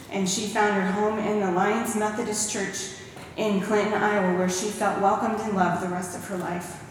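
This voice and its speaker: In a church, a woman with a medium-pitched voice gives a testimony talk, warmly telling stories and quoting scripture. The echoey hall is recorded from a distance, with slight background noise.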